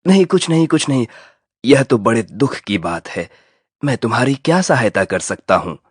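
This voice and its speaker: A sly, jumpy jackal with a raised, excitable voice that leaps up and down, as a man puts him on. He sounds like a storybook animal, recorded close and dry. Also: mid-range voice, moderate pace, breathy edge, dry recording. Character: clever, wary male jackal, jumpy and sly.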